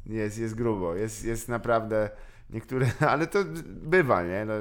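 A man in casual podcast chat, animated, swearing often and laughing a lot. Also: on the low side, measured pace.

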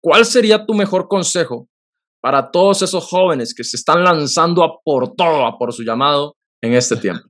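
An earnest man. He tells a personal faith story in conversation, and his voice sits a little high. He talks with feeling, in quick bursts. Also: expressive, fairly bright tone. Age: 30s. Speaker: podcast host.

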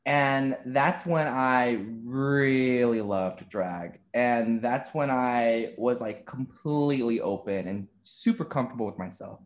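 A man's voice: mid-range voice, slow pace, hardly any pauses. Chatty young man, laughing easily. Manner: open and chatty, laughs often. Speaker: content creator being interviewed. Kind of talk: casual interview chat.

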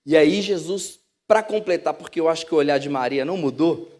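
A man with a Brazilian Portuguese accent preaching a sermon in a lively, casual way, acting out dialogue and swinging between loud bursts and hushed asides. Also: on the high side, fairly quick.

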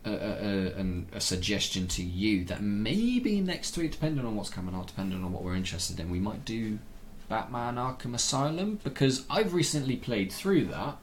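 A man's voice: on the low side, big pitch swings, moderate pace, slight background noise. A man co-hosting a podcast in natural, unscripted casual chat, rambling and enthusiastic about films and games. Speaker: podcast co-host.

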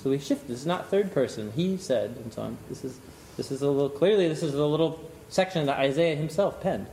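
Male Bible teacher, animated informal lecture, slightly high voice, chuckles between points, faint noise behind. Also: brisk. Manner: thinks aloud with frequent restarts.

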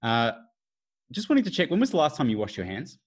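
A man's voice: fairly high pitch, huge pitch swings, brisk, pitched above the performer's own voice. A man improvising a defensive mid-forties husband who later plays a fussy hotline caller. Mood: officious. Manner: defensive, officious. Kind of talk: improvised comedy sketch.

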